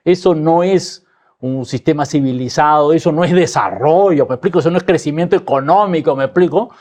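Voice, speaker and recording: A man's voice: on the high side, a little fast, a little mellow. A man, a guest in a political discussion, arguing emphatically and ending his points with tag questions.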